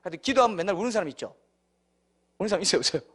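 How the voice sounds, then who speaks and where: Animated Korean pastor preaching, high voice. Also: male voice, rapid-fire, husky. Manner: animated, acts out quoted voices, asks the congregation questions. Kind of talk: sermon.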